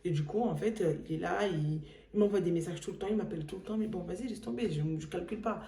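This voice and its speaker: Woman telling a storytime, animated, acts out voices, mellow tone, echoey room. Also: on the low side, quick pace, gravelly. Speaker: vlogger. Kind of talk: casual storytime.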